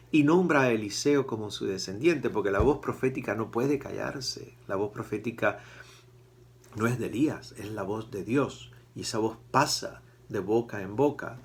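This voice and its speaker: A priest giving a conversational sermon, acting out quoted voices with animated swings. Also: male voice, fairly low pitch, creaky.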